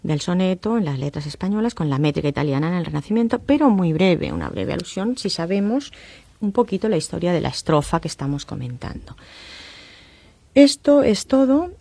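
A woman lecturer explaining text analysis in a measured way, often pausing with "eh" and tag questions. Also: lowish voice, big pitch swings, gravelly, dark tone. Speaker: university lecturer.

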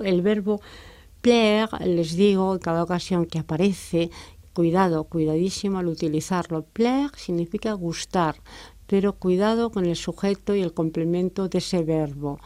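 Patient woman teaching slowly. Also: on the low side, dark tone, dry recording. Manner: patient, didactic, repeats example words slowly. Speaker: French teacher. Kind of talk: explaining French pronunciation and grammar in Spanish.

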